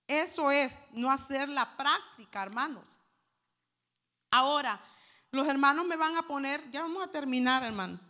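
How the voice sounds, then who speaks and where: A woman preacher delivers a sermon, calling her listeners brothers as she teaches. Her voice is bright and fairly high. It rings with long reverb in a church hall. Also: moderate pace. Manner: addresses congregation as brothers, teaching Hebrew words.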